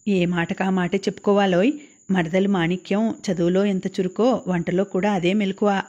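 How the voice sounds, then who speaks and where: A woman reading the lines of a jovial, teasing married man in an audiobook novel, in an even, plain voice. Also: mid-range voice, moderate pace, highs cut off, close to an everyday voice.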